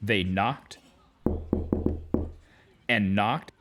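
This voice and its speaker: A man playing a weary, aggrieved donkey who tells his journey for a children's audio drama, with deliberate dramatic pauses. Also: on the low side. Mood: rueful. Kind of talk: first-person children's audio drama narration. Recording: noisy, with animal and cricket ambience.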